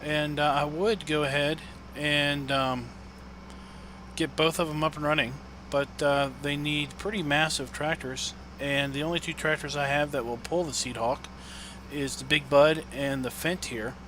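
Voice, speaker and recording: A man giving casual, unhurried gameplay commentary as host of a farming game video, thinking aloud in a folksy way with a tractor engine rumbling behind him. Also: fairly even intonation. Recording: loud vehicle engine noise behind voice.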